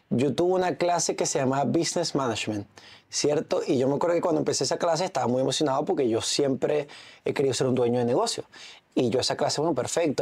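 A Venezuelan-accented entrepreneur in his thirties talks with his hands and sounds confident as a guest in a relaxed interview, sitting in an office lounge overlooking the city. His voice is on the high side, dark in tone, with a breathy edge.

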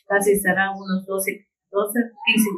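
A woman's voice: mid-range voice, flat delivery, fairly bright tone. Woman recounting an old memory, stops and repeats herself a lot, mic sits far off. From Ecuadorian Amazon. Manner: halting, repetitive storytelling with frequent restarts. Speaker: community leader and chef. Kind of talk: personal storytelling in an interview. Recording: voice picked up from a distance.

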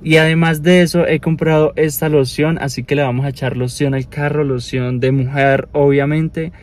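A young man in his twenties, a prank vlogger, talking excitedly and nervously to his phone camera inside a parked car. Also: a little high, normal speed. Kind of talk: casual prank vlog. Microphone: phone camera at arm's length.

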